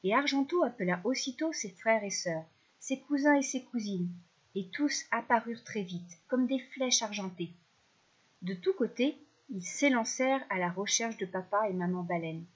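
Expressive woman reading a children's story. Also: fairly high pitch, normal speed, breathy edge, dull audio.

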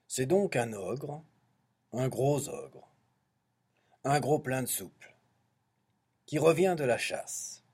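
A man's voice: mid-range voice, darkish tone, husky. A man reading a children's story aloud, playful and full of teasing asides.

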